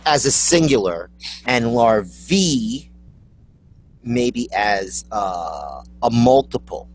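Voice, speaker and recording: A man co-hosting a casual chat, wry and halting, with many fillers. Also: mid-range voice, lively intonation, rough recording. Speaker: co-host.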